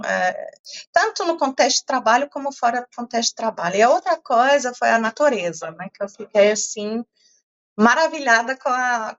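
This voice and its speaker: A middle-aged, German-born climate science professor with a European Portuguese accent answers interview questions thoughtfully, using many fillers and restarts. Her voice is on the high side, and the audio is dull.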